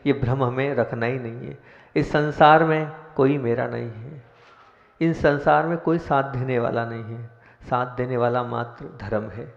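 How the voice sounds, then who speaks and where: Brief: man, mid pitch, patient teaching sermon, echoey hall, dull lo-fi sound. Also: creaky. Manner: teaching, asks the audience questions, explains step by step. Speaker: senior monk giving discourse. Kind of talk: devotional sermon.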